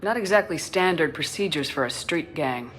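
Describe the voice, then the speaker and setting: A woman's voice: low-pitched, lively intonation, moderate pace, fairly bright tone, soft background music. A woman playing a confident, direct military commander in a video game. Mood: cool, firm. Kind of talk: dramatic video game dialogue.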